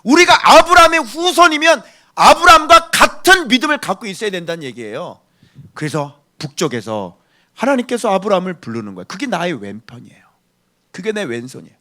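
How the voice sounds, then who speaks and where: A middle-aged man, a pastor, delivers an emphatic sermon, swinging from loud outbursts to hushed asides. His voice sits high.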